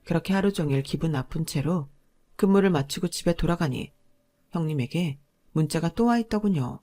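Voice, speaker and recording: A woman's voice: sits low, animated, fairly quick. Indignant woman telling her story. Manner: sharp, indignant retorts. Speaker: narrator. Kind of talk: first-person story narration.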